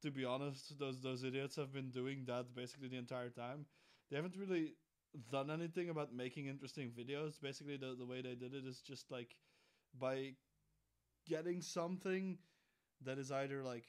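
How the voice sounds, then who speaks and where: A man's voice: medium pitch, fairly even intonation, brisk, clear, resonant tone. A young man co-hosting a casual podcast chat, rambling with restarts and casual swearing. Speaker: podcast co-host. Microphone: home computer mic.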